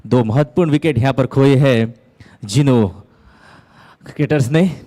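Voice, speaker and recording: A man giving live ball-by-ball cricket commentary, phrasing things in measured bits with pauses and lifting at key moments. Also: medium pitch, mellow.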